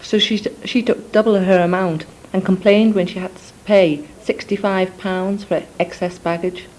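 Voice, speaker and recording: Recording a spoken letter to family on a cassette recorder indoors, a young woman with a blend of Scouse and Scottish accents rambles with plenty of ums and side remarks. Her medium-pitched voice is a little mellow and fairly even, at a moderate pace. The audio is rough, with slight background noise, from a cassette or dictaphone.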